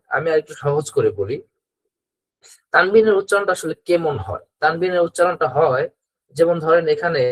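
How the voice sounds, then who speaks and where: A man with a Bangladeshi Bengali accent teaching Quran reading in an online class over a video call, patiently repeating drills for students to echo. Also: on the high side.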